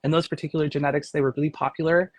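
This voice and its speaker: In a livestream interview, a woman who works as a grower and consultant talks casually and very fast, using many fillers. Her low-pitched voice holds a steady tone and is slightly raspy from a cold. There is no room sound.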